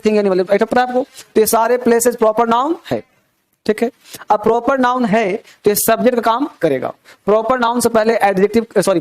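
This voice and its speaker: A high-pitched male teacher runs a classroom grammar lesson. He keeps stopping to ask whether the class has understood. He slips English example sentences into his explanation. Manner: asks frequent check questions.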